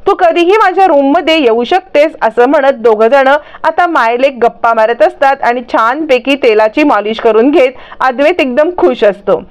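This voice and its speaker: A woman narrating a recap of a television serial, reading every character's lines in her own voice. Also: high voice. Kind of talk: storytelling recap with voiced quotes.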